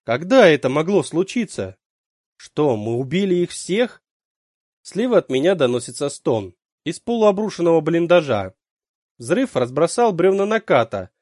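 A man's voice: on the high side, a little mellow, dry recording, studio quality. A man narrating a war audiobook in the first person with dramatic expression.

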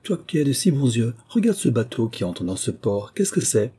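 A man reading an audiobook voices a frail aristocratic mother who speaks gently and admonishes her daughters. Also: mid-range voice, very animated, normal speed, breathy edge, voice pushed up. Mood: admonishing.

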